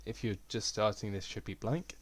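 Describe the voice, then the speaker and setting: Low-voiced young man explaining software. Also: moderate pace. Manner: relaxed, rambling, self-deprecating. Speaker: game development tutor. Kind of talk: casual screen-recorded tutorial.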